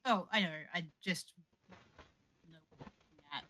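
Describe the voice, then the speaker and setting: A woman playing in a tabletop game, speaking haltingly with many fillers. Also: lowish voice, sharp tone. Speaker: player. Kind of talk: casual tabletop game play.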